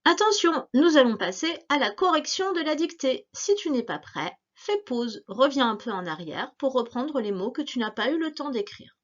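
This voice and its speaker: A woman teacher reads a dictation to young pupils, pronouncing every word slowly and saying it twice. Her fairly high voice rises and falls in a lively singsong way. The recording sounds dull and lo-fi. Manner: slow, carefully articulated, repeating each word.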